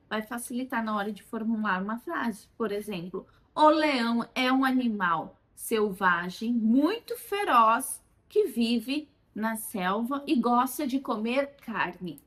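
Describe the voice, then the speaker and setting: A Brazilian woman teaching how to use a children's learning game, recorded on a phone, at times modelling questions as if to a child. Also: a little high. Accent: Brazilian Portuguese. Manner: animated, talks as if to a child when modelling questions. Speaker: child development educator.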